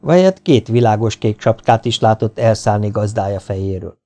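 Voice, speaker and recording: A man reading an audiobook in a steady, measured narration. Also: fairly low pitch.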